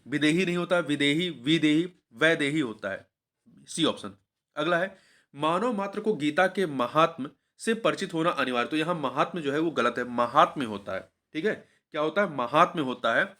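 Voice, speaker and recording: A man's voice: fairly high pitch, a bit bright. A male teacher going through an exam paper, repeating each answer and asking the viewer questions as he goes.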